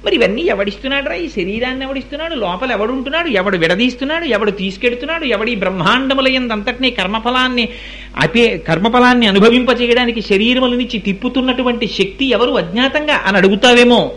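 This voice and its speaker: A man's voice: extremely high pitch, fast, fairly bright tone. Middle-aged man, preacher who chants verses and then explains them. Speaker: religious discourse speaker. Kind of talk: devotional storytelling sermon.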